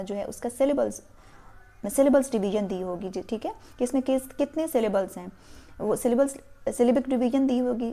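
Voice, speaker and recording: A woman teaching an English lesson, explaining in Hindi and slowing right down whenever she reads an English sentence aloud. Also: fairly high pitch, vocal fry, dark tone. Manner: checks in with the class often.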